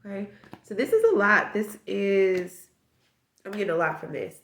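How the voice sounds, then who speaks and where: A tarot reader with a stuffed-up nose gives a casual reading, musing aloud and rambling through the possibilities. Her mid-range voice is creaky and a bit bright, at a moderate pace, in an echoey room.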